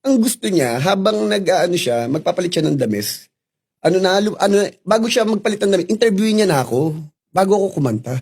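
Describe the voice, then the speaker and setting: A middle-aged Filipino-accented man candidly telling stories in an interview, animated and laughing as he acts out the dialogue. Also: high voice, brisk, vocal fry, breathy edge. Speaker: interview guest.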